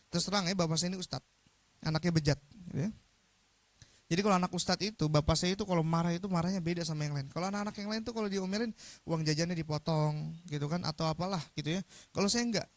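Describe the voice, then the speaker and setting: A young man giving a motivational talk, telling a story in an animated, jokey way and often putting questions to his audience. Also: high-pitched, dry recording. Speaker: motivational speaker.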